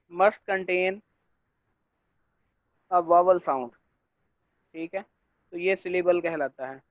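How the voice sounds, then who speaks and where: Brief: high, slow-paced male lecturer on a dry, phone-thin call; steady explainer who keeps checking in with the class. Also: dry recording. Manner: checks in with students often; fills pauses with stock phrases. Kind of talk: online linguistics lecture. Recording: dry, tinny phone-like line.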